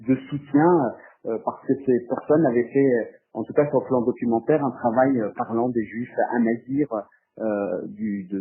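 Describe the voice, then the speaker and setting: Over a muffled, phone-like narrowband recording, a man from France who makes documentaries gives unscripted interview answers. His husky voice sits at medium pitch, and he falters often, repeating words as he gropes for how to say things.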